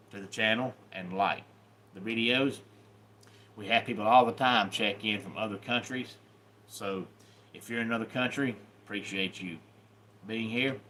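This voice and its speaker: With a sharp tone and fairly low pitch, a YouTube host from the Southern United States chats casually on his live stream, a little hiss or hum in the background. He's folksy and welcoming, calling out viewers by name.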